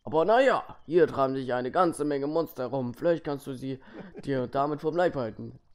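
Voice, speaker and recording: A man's voice: mid-range voice, moderate pace, clean tone, natural voice. A man voicing a grumpy, world-weary old hermit, reading out video game dialogue in a grumbling way. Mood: cautioning.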